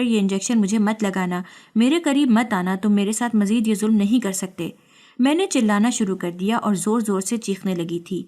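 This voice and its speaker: A woman narrates a first-person story in a scripted, dramatic way. Her voice sits at a middle pitch and leans into emotion. It sounds like a storytelling channel reading. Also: darkish tone.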